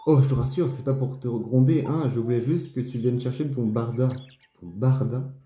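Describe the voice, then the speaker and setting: A man reading a stern male golf club official's lines aloud, slow and deliberate, as he plays a game. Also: mid-range voice, warm tone, close to an everyday voice. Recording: roomy echo, faint game music.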